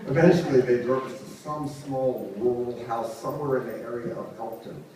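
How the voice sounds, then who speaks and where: A man reading a memoir aloud at a book launch event, in an expressive, wry way. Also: medium pitch, normal speed. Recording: echoey room, far from mic.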